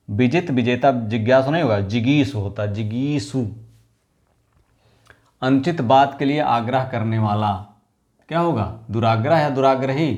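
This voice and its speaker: A man's voice: medium pitch, darkish tone, dull audio. Man teaching an exam-prep lesson. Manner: asks questions then answers them, repeats key words.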